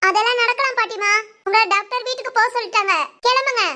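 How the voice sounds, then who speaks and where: A woman's voice: very high voice, fairly even intonation, fast talker, sharp tone. A woman voicing a chirpy cartoon nurse. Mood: reassuring. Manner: polite, reassuring, explaining patiently. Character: patient young female hospital nurse. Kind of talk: Tamil family cartoon voice acting.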